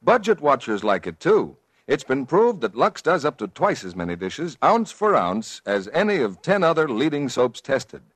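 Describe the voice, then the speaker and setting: A man as announcer, reading a 1940s radio commercial in a crisp, salesy way. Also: mid-range voice, sing-song, moderate pace, hardly any pauses, no room sound. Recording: dry old radio broadcast, faint audience.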